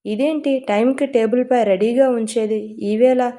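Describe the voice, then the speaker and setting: A woman's voice: a little high, steady tone, moderate pace, warm tone, lightly acted. A woman doing a teasing young businessman. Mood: casual. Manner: teasing, mixes English words. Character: young rich businessman, playful and teasing son.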